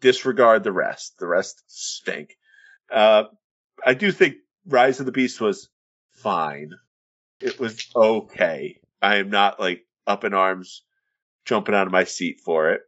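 A man's voice: on the low side, takes it slowly, fairly bright tone, dull audio. A man talking casually about films as a podcast co-host.

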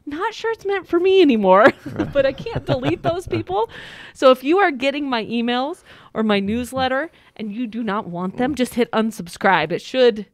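A woman's voice: a little high, expressive, normal speed, dry recording. A woman chatting casually and self-deprecatingly as co-host, muffled by a face mask, with a slight lisp. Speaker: school staff co-host. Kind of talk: casual, chatty live talk.

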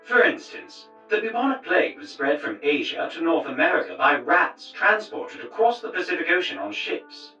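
Guy doing a professor talking on a tv in the next room, kinda far and dull, bright tone. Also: a little high, sing-song, pitched above the performer's own voice. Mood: lecturing. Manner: measured, lecturing. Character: lecturing male professor on television. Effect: distant television sound. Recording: roomy, muffled TV audio with music.

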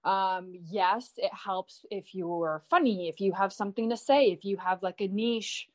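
A young woman talks in a loose, chatty way as a guest on an interview show. She circles her points with lots of fillers and repeats, and her voice sits at an ordinary middle pitch. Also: unhurried. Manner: chatty and animated, with many fillers and self-repeats. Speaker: guest, online comedian. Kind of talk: casual interview chat.

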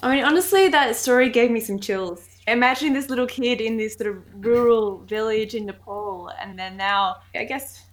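A woman's voice: on the high side, normal speed, few pauses. A woman hosting a podcast interview, asking questions and responding to her guest with enthusiastic affirmation. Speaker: podcast host.

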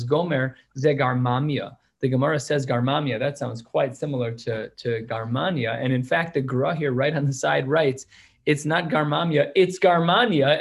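Reading Hebrew and Aramaic from the text before unpacking it in plain, casual English, a man teaches a Talmud class. He has a fairly high, husky voice with vocal fry.

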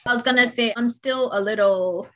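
Bright, animated woman from Uganda. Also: a little high, moderate pace. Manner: animated, emphatic storyteller. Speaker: podcast guest. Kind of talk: casual chat.

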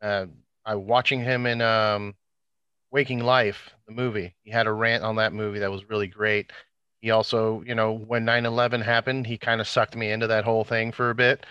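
Male podcast talker, mid-pitched and sharp, dry sound, casual, blunt and profane. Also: flat delivery, normal speed, smooth, dry recording, muffled recording. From Cuban background.

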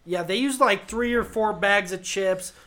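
High-voiced man telling a story. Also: measured pace. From Wyoming, USA. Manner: animated storyteller who swears freely. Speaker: podcast co-host. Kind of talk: casual chat.

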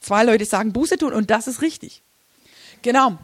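A woman's voice: on the high side, normal speed, no room sound. A woman giving an informal church workshop from slides, chatty and casual, often laughing and restarting her sentences. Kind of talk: casual teaching talk with slides.

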